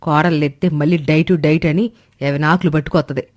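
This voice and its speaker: A woman voicing a tired, scolding old mother-in-law in an animated story. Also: low-pitched, quick pace, slight background noise, close to an everyday voice. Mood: exasperated. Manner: tired nagging, hushed and cautious.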